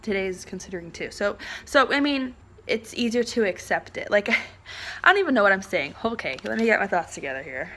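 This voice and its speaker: A woman's voice: medium pitch, very animated, brisk, sharp tone, a little hiss or hum. A young woman vlogging in a casual, rambling way, full of "like" and "um" as she chats to the camera. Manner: rambling, chatty, frequent "like" and "um". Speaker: vlogger, military spouse.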